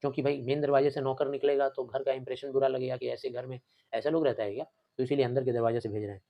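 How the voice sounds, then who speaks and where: A man's voice: mid-range voice, little pitch movement, quick pace, highs cut off. A young man teaching a Hindi play, reading the lines aloud and explaining the words plainly.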